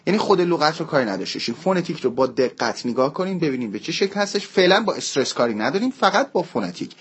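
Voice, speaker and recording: Husky man teaching pronunciation, lively pitch. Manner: explains patiently, models English words slowly and repeats them. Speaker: English teacher. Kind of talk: recorded pronunciation lesson.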